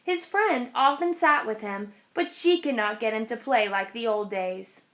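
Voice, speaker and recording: Reading from a children's picture book, this woman narrates in a lively, expressive way. Her pitch is fairly high and her delivery unhurried.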